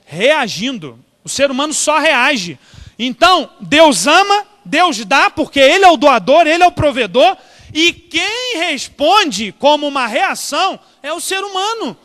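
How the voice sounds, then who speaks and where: A Brazilian pastor preaches in a strikingly high, bright voice. He tells his story animatedly and keeps asking the congregation questions. His voice rings with the long reverb of a church hall. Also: measured pace. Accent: Brazilian Portuguese. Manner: animated, acts out dialogue, asks the congregation questions. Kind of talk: storytelling sermon.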